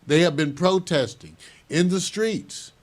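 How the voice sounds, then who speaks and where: Older man giving opinionated news commentary. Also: a little high. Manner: measured, opinionated, chuckling now and then. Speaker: show host.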